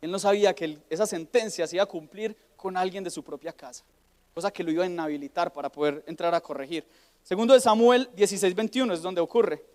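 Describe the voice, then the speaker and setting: Male pastor, high voice, playful storyteller preaching in a reverberant hall. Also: quick pace. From Colombia. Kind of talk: sermon. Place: church hall.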